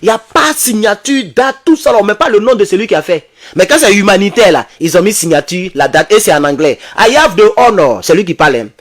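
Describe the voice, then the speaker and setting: A man giving excitable political commentary to his viewers, calling them comrades and asking them questions. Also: sits high. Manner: reads English then translates haltingly.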